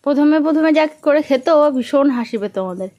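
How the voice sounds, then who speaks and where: A woman's voice: high voice, expressive, normal speed, mellow, dull audio. A woman vlogging casually at her village home with a West Bengal Bengali accent, chatting and playfully repeating words to her small daughter. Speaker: vlogger and mother. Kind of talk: casual home vlog chat.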